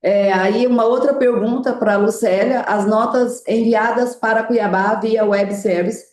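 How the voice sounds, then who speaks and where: A woman's voice: a little high, steady tone, measured pace, a little mellow. Woman host of a live stream, chatty, roomy call audio. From Araguaia region, Brazil. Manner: chatty, uses homely comparisons. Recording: echoey online call.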